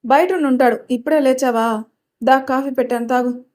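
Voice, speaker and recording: A woman voicing a brisk middle-aged mother who scolds her niece in a storybook reading. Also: sits high, fairly even intonation, a little mellow, lightly acted. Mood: scolding.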